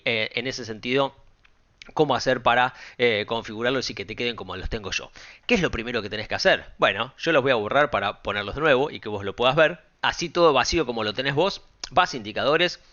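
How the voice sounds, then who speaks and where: A man with a Rioplatense Spanish accent walking viewers through a trading software tutorial in a casual, direct way, often checking in with the listener. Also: mid-range voice. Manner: casual, direct, frequent check-ins and fillers. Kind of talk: screen-share software tutorial. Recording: dull lo-fi sound.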